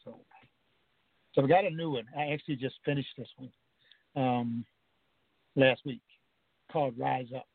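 A man's voice: mid-range voice, moderate pace, creaky, long pauses, no echo. A man calling in over the phone who recites a spoken-word poem in a rhythmic way, with strong refrains. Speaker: caller reciting his poem. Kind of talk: spoken-word poetry reading. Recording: tinny dry phone line.

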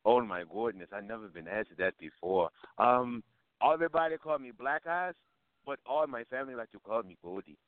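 A man's voice: mid-range voice, expressive, normal speed, no echo. A man calling in to a radio show as a prank, putting on a broad foreign voice and repeating exclamations, heard over a phone line. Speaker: caller.

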